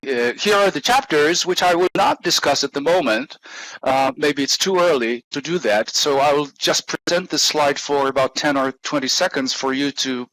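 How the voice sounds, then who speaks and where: Man, Polish accent, academic presenter, halting delivery, grunts and throat-clearing, medium pitch, dry sound. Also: fairly bright tone, no echo, rough recording. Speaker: university lecturer, conference speaker. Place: online talk given inside a virtual world.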